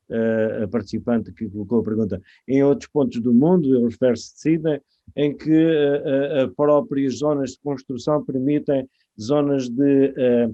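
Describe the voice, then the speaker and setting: A man's voice: medium pitch, dark tone. A man moderating a webinar, speaking hesitantly with many fillers. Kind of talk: webinar panel discussion. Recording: muffled video-call audio.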